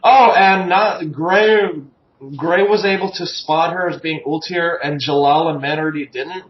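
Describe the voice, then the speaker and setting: A man's voice: fairly high pitch, steady tone, measured pace. A man hosting a casual fan podcast, talking in a crude, sarcastic way and swearing freely. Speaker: podcast host. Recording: muffled lo-fi audio in an echoey room.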